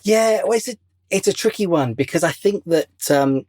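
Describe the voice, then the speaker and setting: A man's voice: high-pitched, expressive, normal speed, darkish tone, no room sound, clean studio sound. A man as an interview guest, talking casually and rambling with many fillers and restarts. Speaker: interview guest, former crew member.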